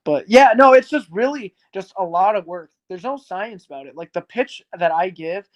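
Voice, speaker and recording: A man's voice: high-pitched, expressive, moderate pace. Young man, rambling casual guest. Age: early 20s. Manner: rambling, filler-heavy, frank. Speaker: guest, arcade business owner. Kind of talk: casual interview chat.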